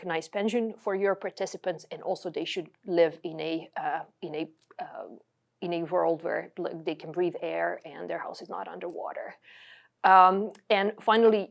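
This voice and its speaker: Low, gravelly-voiced woman presenting. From Serbia. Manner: many fillers and restarts, uses "like" often. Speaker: guest speaker. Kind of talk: webinar presentation.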